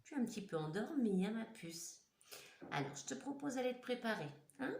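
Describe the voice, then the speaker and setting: A woman's voice: on the high side, expressive, brisk, creaky, darkish tone, far from the mic, slight background noise. A woman teacher patiently walking young children through a handwriting lesson step by step, recorded at home. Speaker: primary school teacher. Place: room at home. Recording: echoey room, voice set back from the mic.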